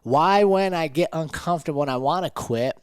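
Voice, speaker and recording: Here the man's voice is on the high side, clean in tone and brisk. He hosts a motivational podcast and coaches in a conversational, emphatic way, often asking rhetorical questions, and the studio recording is dry and clean.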